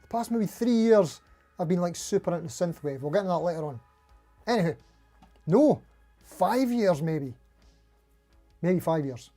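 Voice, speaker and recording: A man with a soft, dark-toned voice talks casually as a live stream host, with music playing behind him. He rambles like someone who has had too much coffee, jittery and self-deprecating, and keeps breaking off to address his viewers. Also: high voice, lively intonation, moderate pace, pauses often. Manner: over-caffeinated, jittery rambling.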